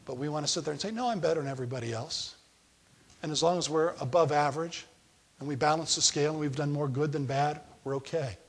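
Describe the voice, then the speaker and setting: Husky-voiced man preaching a sermon. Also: fairly high pitch, fairly even intonation, quick pace. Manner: conversational preaching with rhetorical questions to the congregation. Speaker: pastor.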